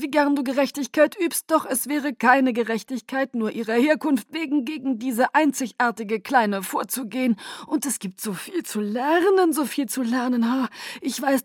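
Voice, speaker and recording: A woman's voice: a little high, dry recording, clean studio sound, voice pushed up. A woman reading an audiobook, voicing an ancient male vampire leader with a melodic, silky, theatrical manner.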